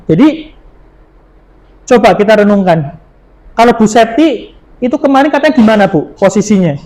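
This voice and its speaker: A man's voice: high-pitched, animated, normal speed, long pauses, darkish tone, poor audio. A man, a teacher, gives a workshop presentation to fellow teachers, explaining at length with frequent fillers and playful asides.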